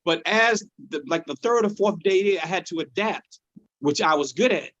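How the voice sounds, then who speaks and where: A man who is a comedian, chatting casually on a podcast and telling animated stories, often repeating words as he goes. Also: high-pitched, normal speed. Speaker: comedian guest. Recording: dull lo-fi sound.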